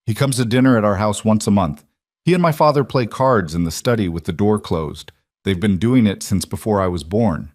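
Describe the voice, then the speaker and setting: A man voicing a calm, matter-of-fact young boy in a spoken story. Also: fairly low pitch, normal speed, no echo, clean studio sound. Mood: serious. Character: young boy, quiet and watchful.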